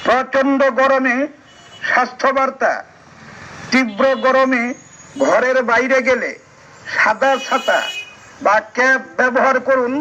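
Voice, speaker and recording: A man reading a formal public health announcement in measured short phrases, played over an outdoor loudspeaker. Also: extremely high pitch, steady tone. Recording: dull lo-fi sound with faint noise.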